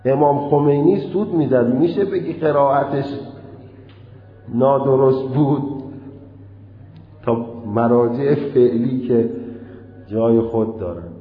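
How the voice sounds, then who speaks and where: Male seminary lecturer, deliberate and animated, dull lo-fi recording with long hall reverb. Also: medium pitch. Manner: deliberate, chanting quoted recitations. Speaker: seminary teacher. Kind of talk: jurisprudence lecture.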